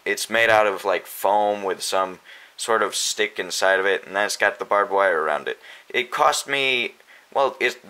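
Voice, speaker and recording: A man's voice: on the low side, bright, forceful tone, rough recording. A young man casually answering viewer questions as host of a fan video, chatty and unscripted, with many fillers and restarts.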